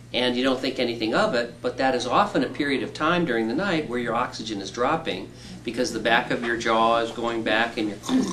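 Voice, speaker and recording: A man's voice: mid-range voice, fairly bright tone, a little hiss or hum, rough recording. A middle-aged man, a surgeon, patiently explaining an operation to patients in plain words with homely examples. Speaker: weight-loss surgeon. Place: indoor room.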